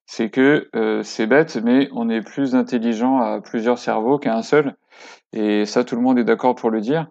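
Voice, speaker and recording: A man's voice: mid-range voice, fairly even intonation, moderate pace, vocal fry, darkish tone, dull audio. A man speaking as a guest on a casual podcast interview, hesitant with many fillers and restarts but enthusiastic. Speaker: podcast guest, workshop co-creator.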